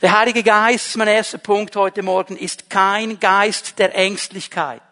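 A man's voice: high-pitched, steady tone, unhurried, pushed and bright, in a large hall. A man with a Swiss German accent, preaching a sermon as pastor, emphatic and repeating key phrases. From Switzerland.

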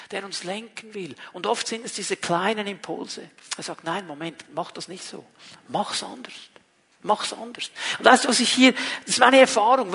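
A man preaches with a high, bright, ringing voice, dropping from loud emphatic lines to a hushed near-whisper. His words carry a long reverb from a church hall. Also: breathy edge. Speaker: pastor. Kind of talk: sermon.

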